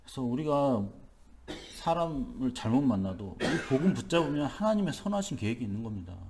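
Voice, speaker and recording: A man's voice: mid-range voice, big pitch swings, brisk, darkish tone, slight background noise. A male pastor giving an early-morning sermon, emphatic and repetitive, asking rhetorical questions. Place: church.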